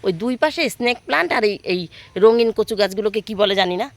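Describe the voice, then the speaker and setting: A woman's voice: medium pitch, lively intonation, a little fast, dry recording. A woman in her thirties filming a casual walking vlog outdoors on a phone, chatting and pointing things out to viewers. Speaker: vlogger. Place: outdoors in a village among trees.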